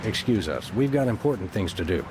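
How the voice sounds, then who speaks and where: An actor playing a wry, unflappable cartoon game detective in a wordy, sarcastic deadpan. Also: male voice, fairly low pitch, fairly quick, noisy background. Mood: dry deadpan. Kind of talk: video game character acting.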